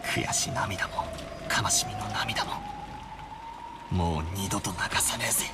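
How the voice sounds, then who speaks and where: An actor playing a brash young man, grieving and furious, in rough slangy talk that swings from hushed whispers to shouting. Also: low voice, moderate pace, over loud music, close to an everyday voice. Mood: defiant. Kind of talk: Japanese game voice acting.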